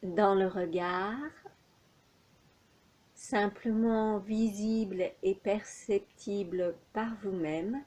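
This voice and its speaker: A woman with a mid-range voice guides a yoga nidra relaxation as the instructor. Her instructions are calm, soothing, and measured, separated by long pauses.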